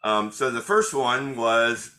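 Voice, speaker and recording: A man's voice: medium pitch, lively intonation, takes it slowly, bright, forceful tone. A middle-aged male attorney hosting an informal webinar, speaking hesitantly with many fillers and restarts.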